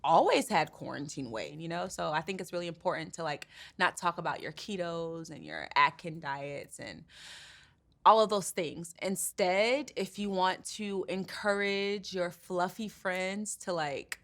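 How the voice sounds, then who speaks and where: A woman's voice: fairly low pitch, animated, measured pace, fairly bright tone. A woman playing a blunt, sarcastic young podcaster who swears freely. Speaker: podcast co-host. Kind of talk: comedy sketch.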